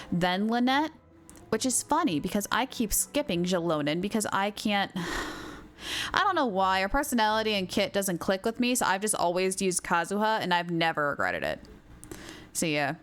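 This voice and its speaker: Here a woman streaming games speaks in a medium-pitched, slightly bright voice. She's relaxed and chatty, musing aloud while working through her viewers' comments, and game music plays faintly in the background.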